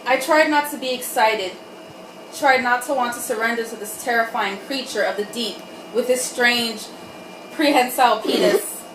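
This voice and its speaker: A high-voiced woman, tipsy from wine, hosts a comic group reading, dramatically performing erotic fiction at a moderate pace. She is irreverent and giggly, breaking off for joking asides. The recording sounds roomy, with a distant mic and faint background noise.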